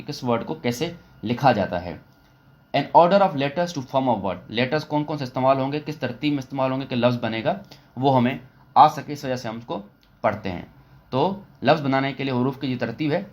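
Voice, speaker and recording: A man teaching English phonics in an online lesson, explaining each rule step by step, repeating it and asking his listeners questions, and slowing right down for English phrases. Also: medium pitch. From Pakistan. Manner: slows down sharply to say English phrases.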